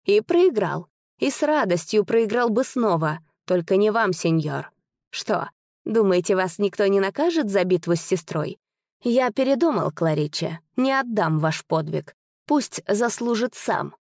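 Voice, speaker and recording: A woman voicing a masked male trickster cavalier who speaks in a high, mocking, bitter tone. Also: expressive, measured pace, a little mellow, no room sound, studio quality. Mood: teasing.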